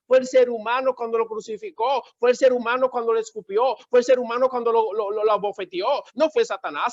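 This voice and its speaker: Emphatic high-voiced male pastor preaching. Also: no echo, highs cut off. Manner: emphatic preaching with repeated calls for the congregation to answer. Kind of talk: sermon.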